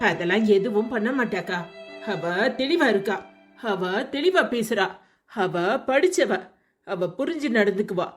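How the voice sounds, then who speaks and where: A woman voicing a calm village woman in a cartoon who consoles and reasons with a friend in a Tirunelveli Tamil accent. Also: medium pitch, unhurried, soft background music, lightly acted. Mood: consoling. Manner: soothing, reasoning.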